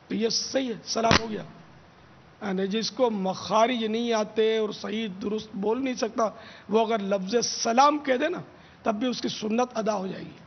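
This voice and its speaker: Brief: male religious teacher, high gravelly voice, patient lecturing, lo-fi dull broadcast sound. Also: long reverb tail. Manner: drills pronunciation with slow drawn-out repetitions. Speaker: religious scholar answering questions. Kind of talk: religious question-and-answer teaching. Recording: dull lo-fi broadcast audio with faint hiss.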